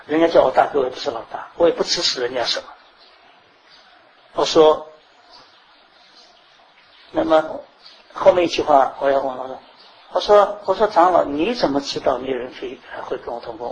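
A man preaching a sermon, telling stories from his own life and swinging between loud, high bursts and quiet asides. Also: rough recording. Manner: animated, rising and falling sharply in pitch and volume.

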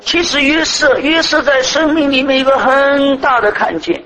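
Man preaching a sermon, kinda high voice, keeps asking the crowd questions, goes loud then soft. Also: fairly even intonation, normal speed, faint music behind, low-quality recording. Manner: asks the congregation many rhetorical questions; swings between raised emphatic and soft low phrases.

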